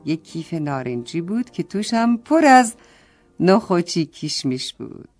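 A woman's voice: lowish voice, very animated, darkish tone, soft background music. A woman in narrating a children's story, addressing the kids directly as she goes.

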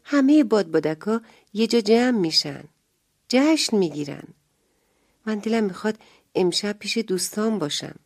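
A woman voicing a gentle, friendly talking blue kite in a children's story, speaking softly and reassuringly. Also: medium pitch, lively intonation, pauses often, no echo, clean studio sound. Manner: soft, reassuring.

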